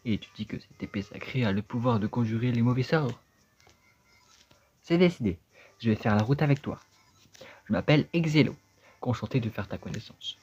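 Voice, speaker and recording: A man's voice: mid-range voice, lively intonation, normal speed, pauses often, a little mellow, husky. A man voicing a fussy, grumpy old male talking cap who is bossy and impatient as he reads game dialogue aloud. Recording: dull lo-fi sound with game music.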